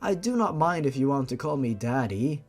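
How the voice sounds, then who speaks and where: A man voicing a formal, gentle monster patriarch who speaks fondly and solemnly in a story reading. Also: mid-range voice, very animated, normal speed, soft background music.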